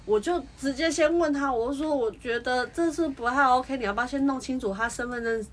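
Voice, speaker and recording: A woman's voice: high voice, fairly quick. A woman co-hosting a podcast, chatting animatedly and often laughing while telling stories. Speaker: podcast co-host. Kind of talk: casual chat.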